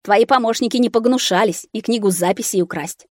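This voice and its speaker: A woman reading an audiobook, voicing a sarcastic, bitter young man in a wheelchair who shouts at his parents. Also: on the high side, brisk, no room sound, studio quality, voice pushed up, natural voice. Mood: bitter, shouting.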